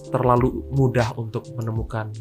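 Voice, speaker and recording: A man from Solo with a Javanese accent, co-hosting a podcast in a measured, hesitant way, often pausing to search for words. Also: mid-range voice, little pitch movement, music in the background. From Solo, Indonesia. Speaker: podcast co-host. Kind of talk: casual chat.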